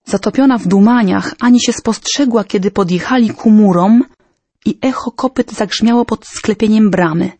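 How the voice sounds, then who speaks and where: A woman reading a historical story aloud in a measured, solemn, dramatic manner. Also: medium pitch, dark tone, husky, no room sound. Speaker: narrator. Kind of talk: storybook narration.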